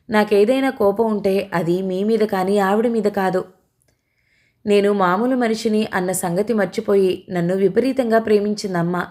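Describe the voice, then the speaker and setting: A woman reading out a troubled young husband who turns urgent and commanding. His lines come in a mellow, warm tone from a storybook reading. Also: medium pitch, close to an everyday voice.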